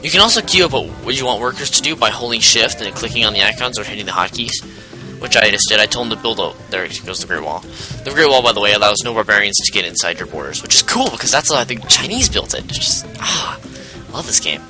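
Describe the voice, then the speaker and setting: Speaking fast in a lowish, sing-song voice, this gameplay commentator rambles and explains mechanics in a relaxed let's play, interrupting himself frequently. The recording is rough, with game music underneath.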